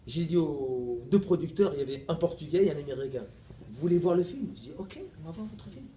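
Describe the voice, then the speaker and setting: Animated male preacher, echoey mosque recording. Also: on the high side, fairly quick. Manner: animated, playful, laughs often, acts out dialogue. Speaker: preacher giving a lecture. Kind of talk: lively storytelling talk. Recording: echoey room recording with faint ambience.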